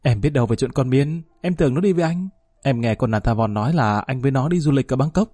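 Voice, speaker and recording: A man's voice: medium pitch, expressive, fast talker, mellow, slightly rough, dry recording, studio quality. A man voicing a fawning, nervous male gang underling who pleads and placates in a story reading. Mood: pleading.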